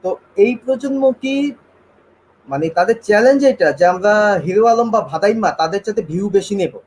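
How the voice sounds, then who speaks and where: Man, panel host. High voice, measured questions, hesitant fillers. Faint noise behind. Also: expressive, darkish tone, low-quality recording. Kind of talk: moderating a panel debate.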